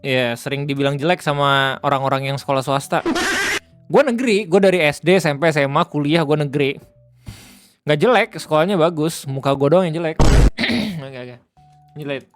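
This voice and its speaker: Faint music plays behind a livestream host whose voice sits on the high side and moves at a normal speed. He chats casually while reacting, joking, laughing often at himself and muttering under his breath.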